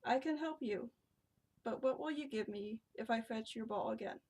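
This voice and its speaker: A woman's voice: a little high, normal speed, darkish tone, breathy edge, recorded from a distance, rough recording. A woman reading as a coaxing talking frog. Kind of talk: storybook reading.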